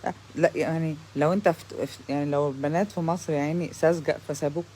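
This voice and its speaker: A woman's voice: sits low, steady tone, rapid-fire, mellow, a little hiss or hum. A young woman with an Egyptian Arabic accent delivering a sarcastic, heated rant to the camera, slipping into English phrases now and then. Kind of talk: ranting monologue to camera.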